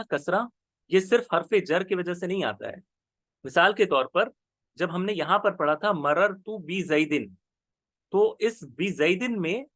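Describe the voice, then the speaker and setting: A man's voice: sits high, a bit bright, no echo. A male teacher giving an online grammar lesson, explaining patiently step by step and repeating key terms.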